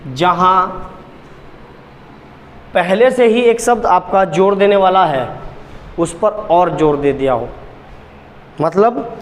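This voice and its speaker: A man's voice: sits high, slow, pauses often, in a large hall. A man teaching Hindi grammar at a board, repeating key points and quizzing the class with questions. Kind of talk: blackboard lesson.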